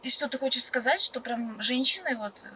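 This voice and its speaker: A woman's voice: sits high, lively intonation, brisk, pushed and bright, slight background noise. A woman in casual conversation on a date inside a car. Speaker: date in a prank. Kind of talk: casual chat.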